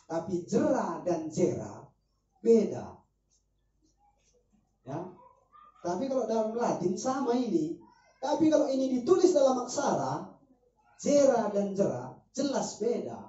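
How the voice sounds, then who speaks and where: A man's voice: sits high, big pitch swings, measured pace, long pauses, dark tone. A man speaking at a group discussion, explaining his points with spoken examples. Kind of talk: casual discussion talk. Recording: muffled distant mic in echoey room.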